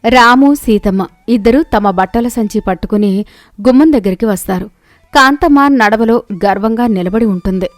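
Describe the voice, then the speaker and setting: Woman storyteller, fairly high voice, dry close recording, scripted narration. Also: normal speed, dry recording.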